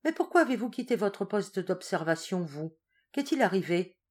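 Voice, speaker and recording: A woman's voice: medium pitch, very animated, moderate pace. Woman reading as an anxious old marquis. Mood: urgent. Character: anxious desperate noble father, a marquis.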